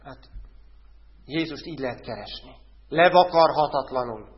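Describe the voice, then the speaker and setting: Man preaching, swinging between loud and hushed. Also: mid-range voice. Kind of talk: sermon. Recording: dull sound with a long hall echo.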